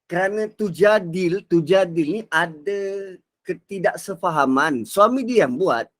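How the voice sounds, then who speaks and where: A man giving a Quran reflection lecture. He is expressive and swings between soft and loud delivery. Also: high voice, a little slow. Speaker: religious teacher.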